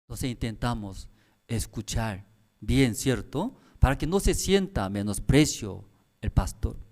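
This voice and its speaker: A man preaching a sermon at a prayer service in halting, broken phrasing, repeating himself and pressing the congregation with rhetorical questions. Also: mid-range voice, expressive, a little mellow. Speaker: pastor.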